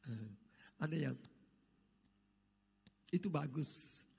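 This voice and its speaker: A man preaching a Sunday sermon in an emphatic, exhorting manner with a raspy voice, putting repeated questions to the congregation. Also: on the high side, expressive, very slow, darkish tone, a little hiss or hum. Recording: echoey hall with long reverb.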